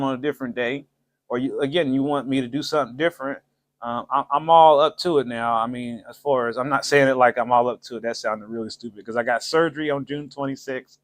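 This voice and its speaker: A man with an American Ohio accent and a fairly high voice hosts his own channel, livestreaming from a home setup with cameras. He rambles casually, jokes and laughs often, gives viewers shout-outs, and uses loose colloquial speech. The recording is dry.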